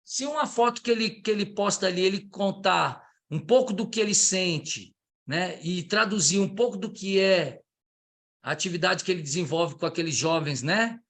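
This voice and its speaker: A man's voice: high voice, normal speed, fairly bright tone. A Brazilian man who teaches capoeira, giving an enthusiastic online training talk over a video call. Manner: enthusiastic, gets carried away.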